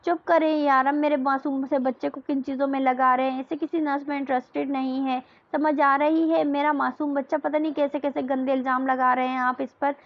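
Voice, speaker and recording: An affectionate young wife and mother who scolds and coaxes her husband, as a woman reader voices her. Her voice is high, with a dull, lo-fi recording. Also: flat delivery, hardly any pauses. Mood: scolding. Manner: scolding, coaxing.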